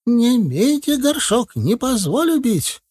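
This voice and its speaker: A man's voice: very high-pitched, very animated, slow, a little mellow, breathy edge, no room sound, studio quality, voice pushed up, heavily acted. A man voicing a frail, stubborn old village healer woman who protests in rustic speech. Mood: protesting.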